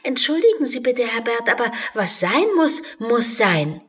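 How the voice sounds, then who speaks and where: A woman's voice: very animated, unhurried, husky, distant mic, full character voice. A woman voicing a cheerful, polite young girl in a storybook reading. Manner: very high, bright and polite.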